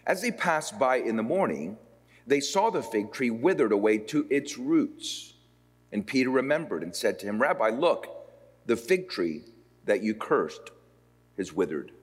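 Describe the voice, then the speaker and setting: A man from Puerto Rico preaching a sermon as pastor. He reads scripture and moves between slow, emphatic phrases and quicker stretches. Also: mid-range voice, very animated, breathy edge. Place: seminary chapel. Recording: long hall reverb.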